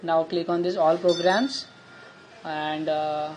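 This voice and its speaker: A man giving a plain step-by-step software tutorial over a screen recording, with frequent fillers and restarts. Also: a little high, level tone, slow, slight background noise, low-quality recording. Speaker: tutorial host.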